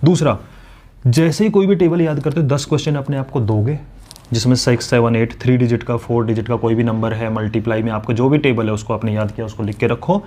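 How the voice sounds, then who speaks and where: A man's voice: medium pitch, dark tone. A man teaching maths straight to camera, scolding and coaching his students in a direct teacher's manner. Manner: acts out students' replies and recites tables quickly.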